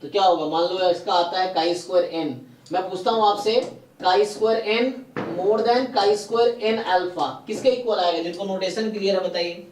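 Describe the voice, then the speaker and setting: In this live online exam-prep session, a man teaching statistics works through ideas at a slow, deliberate pace and keeps asking his students questions to check understanding. He blends English terms into Hindi with an Indian accent, in a high voice with a steady tone. The recording is roomy, with the mic a bit distant.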